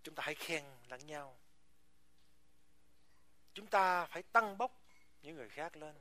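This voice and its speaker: A man's voice: on the high side, lively intonation, a little slow, bright, forceful tone. A man preaching a sermon to his congregation, emphatic and full of rhetorical questions. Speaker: pastor.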